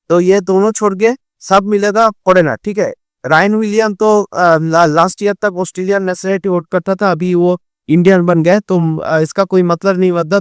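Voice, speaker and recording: High-voiced man rambling about football. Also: smooth, dry recording, studio quality. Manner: hesitant, many fillers and restarts, mixes in English terms. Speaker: football commentator. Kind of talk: casual analysis.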